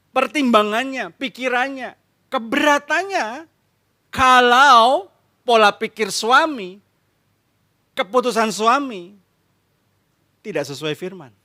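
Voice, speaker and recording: A pastor preaches a sermon during a church service in a very high, sharp voice with an Indonesian accent. He poses questions to the congregation and answers them himself, acts out arguments between couples, and slips in English phrases.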